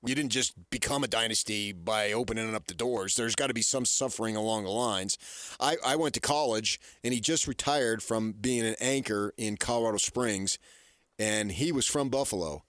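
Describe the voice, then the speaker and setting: A man with a lowish, slightly bright voice speaks at a moderate pace with no echo, on a close studio broadcast mic. Co-hosting a sports talk radio show, he's casual and emphatic, repeating his points and asking rhetorical questions.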